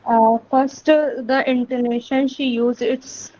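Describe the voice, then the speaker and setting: Flat-toned woman answering. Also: sits high, slow pace. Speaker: student. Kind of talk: answering a teacher in class. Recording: dull lo-fi connection, faint noise.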